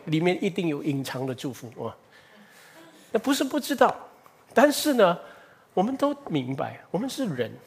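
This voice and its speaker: A middle-aged man preaching a sermon as pastor. His voice is slightly higher than most men's and carries a husky edge. He presses his points with earnest rhetorical questions.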